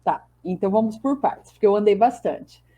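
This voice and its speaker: A woman's voice: medium pitch, animated, fairly quick, dark tone, lo-fi sound. A woman historian in her forties from Brazil, answering interview questions in a chatty way, often restarting her sentences. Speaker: historian guest.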